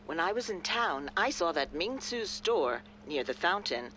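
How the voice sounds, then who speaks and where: A friendly game companion. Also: female voice, fairly low pitch, big pitch swings, a little slow, a bit bright, a little hiss or hum, rough recording.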